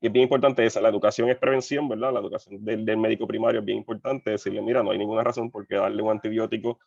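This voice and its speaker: Emphatic man, gravelly. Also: fairly low pitch, flat delivery, racing, darkish tone, no echo. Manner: earnest, emphatic, repeats key points. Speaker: physician panelist. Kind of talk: online panel discussion. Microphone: video call. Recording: muffled video-call audio.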